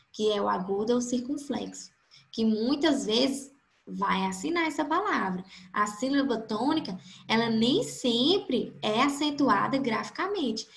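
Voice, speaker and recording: A woman teaching a grammar lesson, slowly stretching out each example word to show its stressed syllable. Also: a little high, vocal fry, fairly bright tone, reverberant. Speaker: Portuguese teacher.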